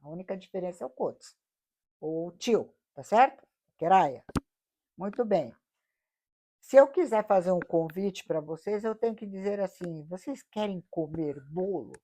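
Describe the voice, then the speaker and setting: A Brazilian woman of middle age leads a Bible study lesson in a warm, mellow voice. She explains step by step, checks in with her listeners and poses rhetorical questions as she goes. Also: mid-range voice, expressive, measured pace, long pauses. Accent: Brazilian Portuguese. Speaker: Bible teacher.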